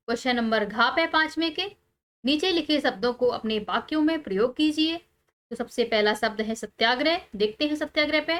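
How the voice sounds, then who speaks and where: A woman teacher, calmly explaining textbook answers step by step and pausing on key words. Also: fairly high pitch.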